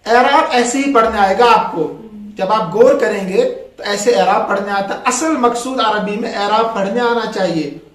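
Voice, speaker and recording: A man's voice: high-pitched, moderate pace, a bit bright. A male teacher giving a classroom grammar lesson, asking questions and leaving words unfinished for his students to complete. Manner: quizzing, leaves words for students to finish. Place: classroom with a board. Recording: echoey room.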